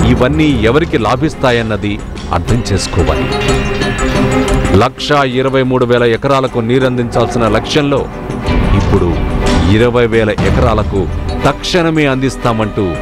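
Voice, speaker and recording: A man narrating a scripted television news report in a measured, accusatory tone. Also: mid-range voice. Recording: narration over loud background music.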